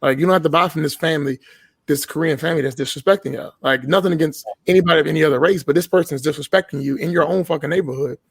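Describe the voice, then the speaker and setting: A man in his thirties talking fast and bluntly, swearing freely as he tells his stories. His voice sits a little higher than most men's. The sound is dry and close, with almost no room. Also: vocal fry, husky, no room sound. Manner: blunt and profane, laughs while telling stories. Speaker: podcast guest. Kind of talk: casual storytelling.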